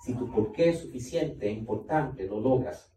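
A man's voice: mid-range voice, normal speed, dark tone, distant mic, slight background noise. Male pastor preaching, emphatic, repeats himself, roomy church sound. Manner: emphatic, repeats key points, talks directly to the congregation. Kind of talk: sermon.

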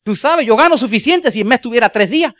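A man's voice: very high-pitched, lively intonation, quick pace, fairly bright tone, no echo, clean studio sound. A male pastor preaching a sermon in a folksy, joking storytelling manner, asking rhetorical questions and slipping English words into his Spanish.

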